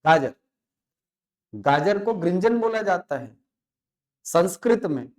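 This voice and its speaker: A man teaching a classroom lecture. He asks questions, answers them himself, and repeats key words slowly to stress them. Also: high-pitched, big pitch swings.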